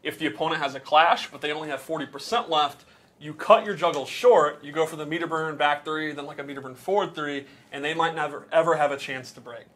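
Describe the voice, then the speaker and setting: A man's voice: a little high, fairly even intonation, fast talker, fairly bright tone. A man casually explaining game mechanics, patiently walking through examples step by step.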